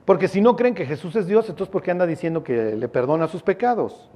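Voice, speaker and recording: A man's voice: high-pitched, expressive, brisk, dark tone. A man with a Mexican accent preaching a sermon as a pastor, in a casual, joking, storytelling way with slang.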